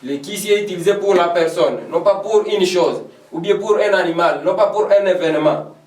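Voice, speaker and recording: Male teacher, high voice, slightly distant from the mic, patient repetition of drills. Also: darkish tone. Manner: repeats example phrases slowly and deliberately. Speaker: English teacher. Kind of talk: beginner language lesson. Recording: echoey room, voice from a distance.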